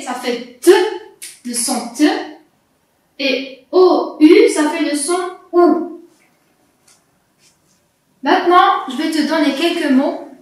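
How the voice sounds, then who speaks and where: Slow, patient woman teacher in an echoey room. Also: sits high. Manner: patient, deliberate, spells out letters and syllables one by one. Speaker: primary school teacher. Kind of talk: slow, carefully articulated lesson for young children. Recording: echoey classroom, distant mic.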